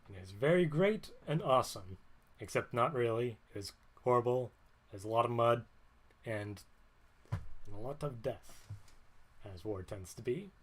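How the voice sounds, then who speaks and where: A man streaming, talking in a rambling, wry way and often stopping to correct himself mid-sentence. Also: medium pitch. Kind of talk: casual livestream monologue.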